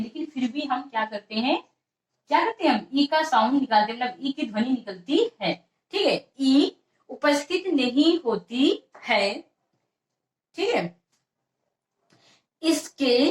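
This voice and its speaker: Slow, high-voiced woman teaching a class. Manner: slow, repeats each point and asks the class questions. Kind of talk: exam-prep lesson. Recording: echoey room, far from the mic.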